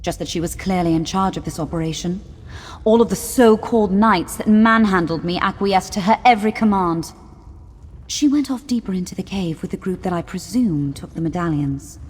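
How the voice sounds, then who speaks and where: Earnest, indignant enchanter in echoing reverb. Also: female voice, fairly low pitch, moderate pace, a little mellow, breathy edge. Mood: indignant, explaining. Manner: articulate, formal, urgent. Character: rescued female enchanter, earnest, indignant kidnap victim. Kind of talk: video game voice acting. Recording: long cave-like reverb, slightly muddy.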